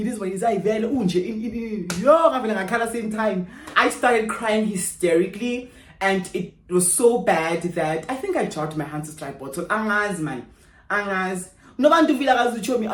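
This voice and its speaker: Young woman, South African accent, expressive storytime, English mixed with Zulu, roomy echo. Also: on the low side. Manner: expressive, mixes English with Zulu, swings between loud and hushed. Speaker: YouTuber. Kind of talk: animated storytime.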